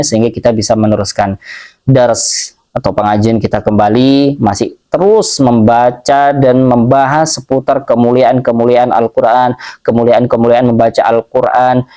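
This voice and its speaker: In this religious study lecture, a man teaching Islam speaks at a medium pitch with a mellow quality. He takes his time explaining, goes back over phrases, and recites Arabic passages aloud.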